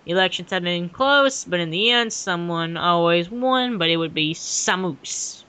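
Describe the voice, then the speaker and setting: An excitable young man co-reads a dramatic fan fiction aloud for laughs, with a bright, forceful voice and a pitch that jumps around lively. His pace is measured and smooth, but he's giggly and keeps breaking from the text to riff with ad-libbed commentary.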